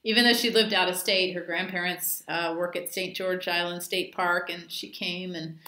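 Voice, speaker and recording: A woman's voice: fairly low pitch, fairly even intonation, normal speed, pushed and bright, reverberant. A woman dive instructor giving a casual training talk, chatty and full of anecdotes and fillers.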